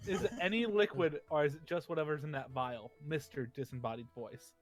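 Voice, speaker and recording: A man's voice: fairly high pitch, a little fast, faint music behind. A man playing a tabletop role-playing game, bantering in character in a playful, mock-formal way.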